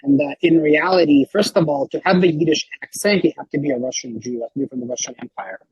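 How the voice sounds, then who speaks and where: A man talking as a podcast guest, rambling and animated, with lots of filler words and a husky voice. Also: fairly high pitch, fast, dry recording, highs cut off. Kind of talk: casual podcast chat.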